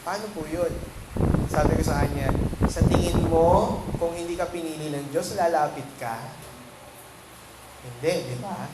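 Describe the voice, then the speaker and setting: A man's voice: on the high side, a little slow, pauses often. A Filipino man preaching as a pastor, often asking the congregation questions and mixing English phrases into his talk. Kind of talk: sermon. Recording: echoey room with background noise.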